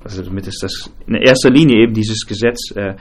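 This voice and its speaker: A man teaching a Bible study group, talking in a halting way with many fillers and restarts and asking the group questions. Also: lowish voice, breathy edge.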